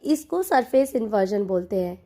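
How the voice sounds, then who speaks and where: Speaking at medium pitch with lively intonation, a woman gives an online exam-prep lecture at a moderate pace in a mellow voice. She moves between Hindi and English and repeats important terms so learners can follow.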